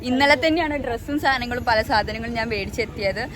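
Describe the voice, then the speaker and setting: A woman's voice: fairly high pitch, quick pace. A young woman with a Kerala Malayalam accent chats casually to viewers as a vlogger, mixing English words and phrases into her Malayalam. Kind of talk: casual vlog chat to viewers. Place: outdoors, walking along streets. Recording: noisy outdoor street with traffic.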